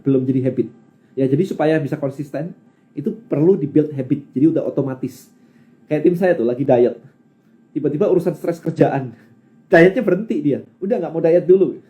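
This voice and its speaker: A man with an Indonesian accent, answering questions in a casual live-stream Q&A as a business coach, animated and rhetorical, mixing in English words. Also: fairly high pitch.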